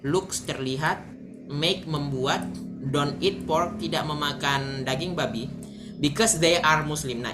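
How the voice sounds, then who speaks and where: Female language teacher, low register, patient step-by-step explainer running a class over a video call. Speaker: English teacher. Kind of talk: online class lesson.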